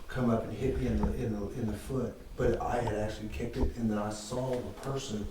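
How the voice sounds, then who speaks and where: A man's voice: on the low side, steady tone, a little fast. Man in a very echoey hallway. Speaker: paranormal investigator. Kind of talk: casual hushed chat during a ghost hunt. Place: large empty indoor hallway. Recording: very echoey corridor, distant mic, faint hiss.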